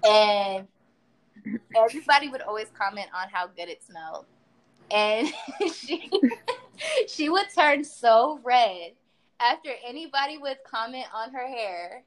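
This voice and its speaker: A woman chatting casually about a former coworker, telling lively stories and acting out what was said. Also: on the high side, a little slow, long pauses, poor audio. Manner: animated storyteller, acts out quotes. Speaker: former supervisor. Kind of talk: casual chat.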